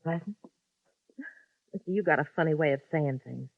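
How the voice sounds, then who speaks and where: A deep, creaky female voice at normal speed, with no room sound, belongs to an actress in a 1950s radio drama playing a frightened, lonesome young woman who pleads urgently. Her mood is confiding, and the recording has the dull lo-fi quality of 1950s radio.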